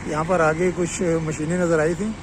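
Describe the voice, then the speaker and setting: Standing beside roadside construction works, a vlogger with a Pakistani accent explains the state of the road in a matter-of-fact way. His voice sits on the high side with little pitch movement and a moderate pace. Loud outdoor traffic and vehicles dominate the background.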